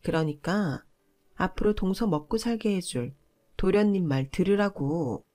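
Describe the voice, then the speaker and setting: A woman's voice: a little slow, warm tone, lightly acted. A woman voicing a bossy, entitled older sister-in-law who scolds and talks down to others. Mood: scolding. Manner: shrill, scolding, condescending.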